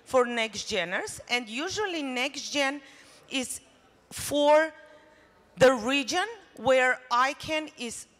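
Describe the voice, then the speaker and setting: Slow-spoken woman from Armenia in a reverberant hall. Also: high-pitched, animated, a bit bright. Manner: friendly, addresses the audience directly. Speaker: conference presenter. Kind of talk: conference presentation. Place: conference hall.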